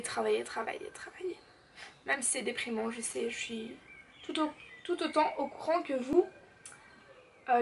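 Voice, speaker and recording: A woman's voice: on the high side, gravelly. An eighteen-year-old woman, chatting casually as she answers viewer questions in her vlog, full of fillers. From Belgium. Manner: chatty and bubbly, lots of fillers and "genre". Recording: slightly distant mic, faint background noise.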